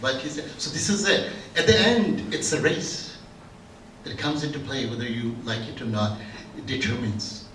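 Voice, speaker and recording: Older male conference speaker, anecdotal and halting, in an echoey room with faint background hum. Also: mid-range voice, a bit bright. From Bangladesh. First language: Bengali. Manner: conversational, anecdotal, with many restarts. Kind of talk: academic conference talk. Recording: roomy room, distant mic, faint ambience.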